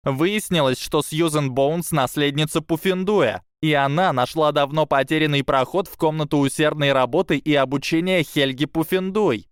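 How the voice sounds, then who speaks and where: Give me an indignant schoolgirl witch in an audiobook, as a male reader puts her on, high and emphatic, in a dry, close recording. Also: normal speed, hardly any pauses, clean tone, no room sound, lightly acted. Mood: shaken.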